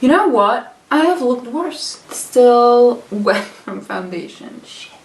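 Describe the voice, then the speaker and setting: A woman's voice: on the high side, expressive, takes it slowly. Exasperated woman ranting in echoey room. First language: German. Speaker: vlogger. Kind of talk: casual vlog rant while doing makeup. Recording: echoey room, mic at a distance.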